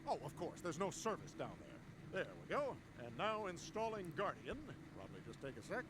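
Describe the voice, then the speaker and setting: A man's voice: high voice, sing-song, normal speed, background noise. A man voicing a brash, dim, cheerful cartoon suburban dad. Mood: alarmed, excuse-making.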